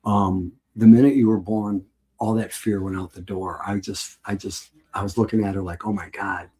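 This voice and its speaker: A middle-aged man with a husky voice, rambling with restarts as he reminisces in a casual chat. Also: lowish voice, fairly even intonation, normal speed, dark tone. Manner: rambling, with frequent restarts and laughs.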